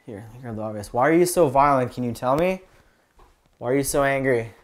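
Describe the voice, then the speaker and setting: A man investigating a haunting, asking questions in a hushed voice during a casual ghost-hunting session. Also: medium pitch, quick pace. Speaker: paranormal investigator.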